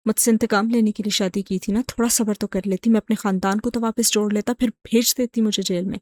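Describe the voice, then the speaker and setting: A woman's voice: medium pitch, steady tone, no echo, close to an everyday voice. A woman voicing a bitter, betrayed young man. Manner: accusing, wounded, sharp questions.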